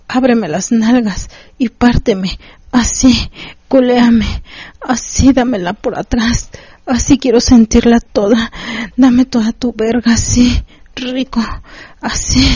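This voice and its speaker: A woman voicing a breathless, demanding adult lover, crying out in high pleading moans. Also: fairly even intonation, slow, darkish tone, husky, no echo, dull audio.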